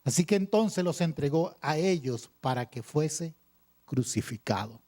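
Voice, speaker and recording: A male pastor preaching a sermon, reading scripture aloud and pausing for emphasis with repeated phrases. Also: a little high, animated, dark tone. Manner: preaching with dramatic pauses and repetition.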